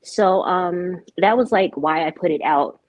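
A woman's voice: on the low side, measured pace, dry recording. A young woman speaking as a guest in a casual interview, candid and outspoken. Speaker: guest, artist. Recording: dull lo-fi recording.

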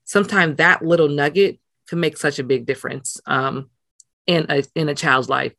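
A woman's voice: low-pitched, moderate pace, vocal fry, a bit bright, no echo. A young adult woman answering interview questions, earnest, often repeating words as she searches for them. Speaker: interview guest, nonprofit worker. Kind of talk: casual interview conversation.

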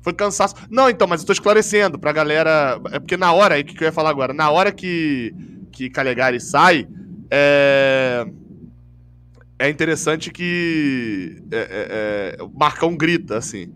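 A football podcast host chats casually and at length, talkative and often restarting his sentences. His voice is a little high and a bit bright, at a moderate pace, with a little hiss or hum.

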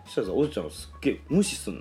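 A man tells a story quickly, his pitch leaping up and down as he acts out the lines of people in it. He laughs often, and soft music plays underneath. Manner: animated storyteller who acts out quoted voices and laughs often. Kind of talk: casual storytelling chat.

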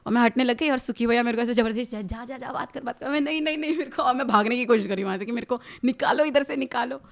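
A young woman in her twenties, a rapper guest on a podcast, telling a story in an animated, laughing way. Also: a little high, very fast. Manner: animated, laughs often, mixes Hindi and English. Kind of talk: casual storytelling chat.

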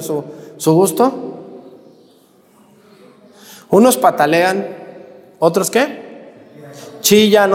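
Animated Mexican preacher in a reverberant hall. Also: male voice, high voice. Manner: animated, asks the congregation questions and answers them. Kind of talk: sermon.

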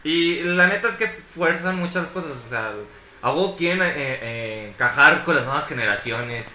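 A Mexican man with a very sharp, tense tone and lively pitch gives his opinions in slangy chat. His voice rings a little in a roomy space. A faint hiss sits underneath. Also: moderate pace. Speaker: podcast co-host. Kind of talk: casual chat.

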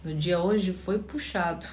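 A woman from Paraná with a Curitiba accent, a therapist calmly answering viewers' questions in a live chat, sounding tired. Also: fairly low pitch, slow, reverberant, slight background noise. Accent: Curitiba Portuguese. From Paraná, Brazil. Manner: calm, advising, often checks in with listeners.

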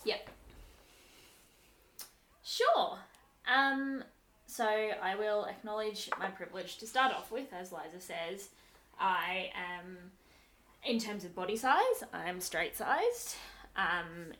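A young woman co-hosting a podcast, talking thoughtfully with many pauses and fillers. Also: lowish voice, fairly bright tone. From Australia. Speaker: podcast co-host. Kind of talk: casual podcast conversation.

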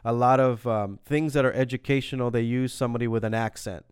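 A man's voice: medium pitch, steady tone, fast talker, smooth. A man co-hosting a casual interview show, talking in a playful, teasing way. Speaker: co-host.

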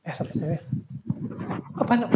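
A man with a European Portuguese accent, co-hosting a casual chat, teasing his friend with quick jokes. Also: reverberant, heavy background noise. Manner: teasing, jokey interjections. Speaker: podcast co-host.

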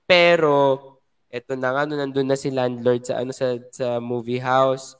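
A man's voice: mid-range voice, level tone, normal speed, smooth. A man with a Filipino accent co-hosting a podcast, recapping a series in playful, gossipy casual chat. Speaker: podcast co-host.

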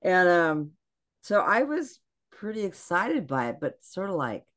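A woman guest in casual podcast chat, animated and acting out quotes in lively voices. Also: on the low side, measured pace.

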